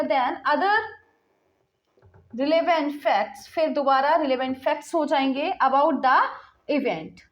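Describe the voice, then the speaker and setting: A young woman teacher gives a casual online lesson, switching between Hindi and English mid-sentence, repeating points and constantly checking in with "theek hai." Her voice sits high and the sound is lo-fi.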